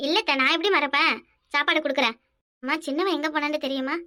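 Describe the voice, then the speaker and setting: Fast high-pitched woman voicing a cartoon. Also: bright, forceful tone. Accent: Kanyakumari Tamil. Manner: quick, bickering village chatter. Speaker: voice artist for a family cartoon. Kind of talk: animated village cartoon dialogue.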